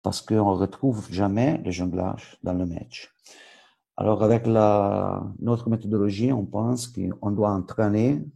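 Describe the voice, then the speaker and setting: Low, gravelly man with an Italian accent. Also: steady tone, warm tone. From Switzerland. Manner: halting, searching for words in a second language. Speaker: football coach educator. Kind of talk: webinar presentation.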